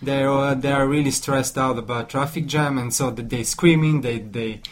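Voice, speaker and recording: An Italian man talks through a casual group discussion in English, his second language, stopping and restarting his sentences as he searches for words. He has a medium-pitched voice. Faint noise hums under the recording. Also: steady tone. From Italy. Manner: halting, many restarts and fillers.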